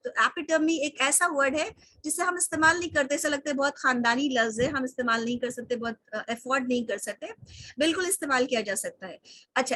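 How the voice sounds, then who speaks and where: A woman with a high, bright voice teaches an online English lesson. She spells words out slowly, says them again and again, and mixes English into her explanations. The sound is dry and close, from a computer mic on a video call. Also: dry recording. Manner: slow careful spelling-out and repeating of words.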